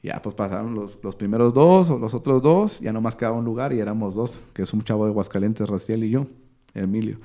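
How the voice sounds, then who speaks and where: A man in his thirties with a Mexican Spanish accent, a sports commentator telling a story as a podcast guest in a casual, slangy, animated way, acting out what others said. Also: fairly low pitch, a little fast. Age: 30s.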